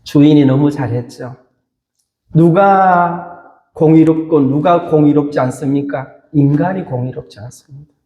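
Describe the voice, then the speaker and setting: A male pastor preaching a sermon. He is animated, puts questions to the congregation and laughs often. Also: fairly high pitch, normal speed, lo-fi sound. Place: church sanctuary. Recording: echoey church hall.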